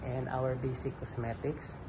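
A man giving a walkthrough sales report in a large home goods store, filmed on a handheld phone, listing collections and figures with pauses. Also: medium pitch, little pitch movement, background noise. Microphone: handheld phone camera.

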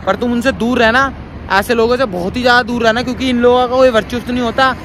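A young man vlogging outdoors on a road, bantering loudly and teasing his friends. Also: very high-pitched, fairly even intonation, quick pace. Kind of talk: casual joking chat with friends. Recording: loud traffic noise outdoors.

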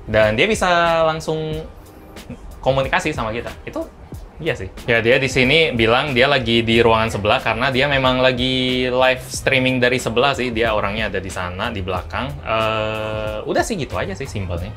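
A man, a tech reviewer talking casually through a phone demo, chatty and quick to laugh. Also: mid-range voice, faint music behind. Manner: chatty, laughs often, animated bursts.

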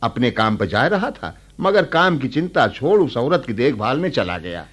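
A man's voice: mid-range voice, big pitch swings, moderate pace, a bit bright, slightly rough. An actor in a radio play voicing a dismissive, grumbling village man. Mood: gossiping. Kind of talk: radio drama acting.

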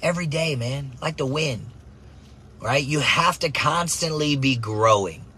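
Bright-voiced man with an energetic motivational tone. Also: medium pitch, a little slow, husky. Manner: energetic, keeps tagging "right?" and "man". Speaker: softball coach. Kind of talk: motivational vlog monologue.

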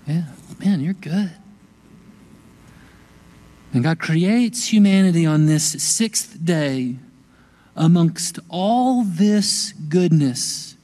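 A man preaching a sermon at an unhurried, measured pace, his voice mellow and a little higher than most men's. He lingers on key words and lets some fall to a near whisper. It sounds like a pastor addressing a congregation during a Sunday service. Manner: slow, deliberate delivery, softening to a hushed whisper on key words. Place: church sanctuary during a worship service.

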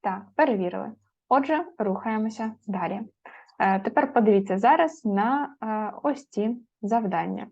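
A woman teacher explaining spelling rules to students, patient and methodical, pausing on fillers and spelling out letters. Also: mid-range voice, creaky, a little mellow. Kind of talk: spoken grammar lesson. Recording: slightly dull lo-fi audio.

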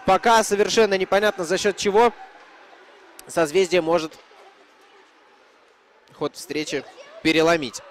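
A man's voice: high-pitched, fairly even intonation, unhurried, long pauses, some chatter behind, slight background noise. A man giving live commentary on an ice hockey match as it unfolds.

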